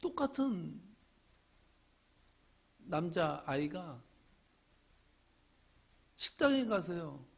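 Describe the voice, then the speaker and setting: A middle-aged male pastor preaching a sermon, swinging from loud pleading questions to hushed asides. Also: sits high, creaky.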